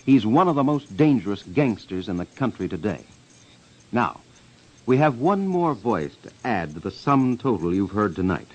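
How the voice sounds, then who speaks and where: Over music and a dull vintage-radio sound, an American radio host and investigator pleads urgently and dramatically with his listeners on an old crime show. He speaks emphatically in a lowish, sing-song voice at a normal speed.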